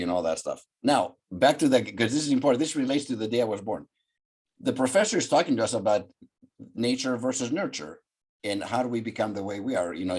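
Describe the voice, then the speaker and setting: An older man from Greece, a psychologist guest telling a story on a video call from his home office, in an animated, gesturing way. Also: lowish voice, breathy edge. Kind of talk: storytelling interview.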